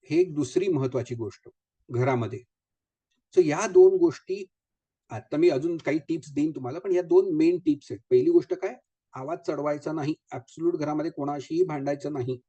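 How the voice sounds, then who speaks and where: A man's voice: a little high, fairly quick, warm tone, husky. A man, a vastu consultant giving a live talk to an audience. He speaks in a chatty way, drops English phrases into his speech and keeps asking rhetorical questions.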